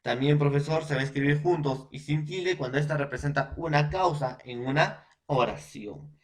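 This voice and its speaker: A man's voice: fairly high pitch, normal speed. A man with a Peruvian Spanish accent teaches a grammar lesson to secondary school students. He circles back over each point, sprinkles in fillers, and keeps asking the class whether they follow. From Peru. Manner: repetitive, checks with frequent "¿no?" and fillers.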